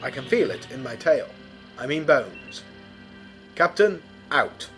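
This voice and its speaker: A man playing an earnest, resolute rabbit starship captain with light wry humor, speaking in measured commands in an audio space opera. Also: medium pitch, very animated, loud music behind the voice. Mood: reflective, resolute.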